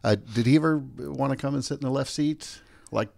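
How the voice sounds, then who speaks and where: A man hosting a podcast who asks questions with a hesitant, filler-laden delivery and a gravelly voice. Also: mid-range voice, fairly quick, a little mellow, no room sound, clean studio sound. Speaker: podcast host. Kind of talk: interviewing.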